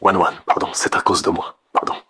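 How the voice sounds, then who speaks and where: An actor dubbing a young wealthy husband who apologizes earnestly, in a low, clipped manner. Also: male voice, brisk, sharp tone, lightly acted. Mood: remorseful. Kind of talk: dubbed drama acting.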